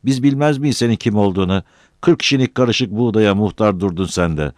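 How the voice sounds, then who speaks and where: A man's voice: lowish voice, a little fast, a little mellow, dry recording, clean studio sound, voice pushed up, close to an everyday voice. A man voicing a poor, defiant young villager who answers back bluntly. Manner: blunt, insolent retorts.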